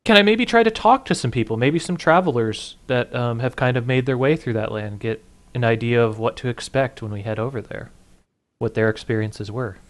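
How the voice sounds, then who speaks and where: A man's voice: mid-range voice, fairly quick. Man, tabletop player, inquisitive, joking, hesitant. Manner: joking, hesitant, asks many questions. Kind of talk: tabletop game chat.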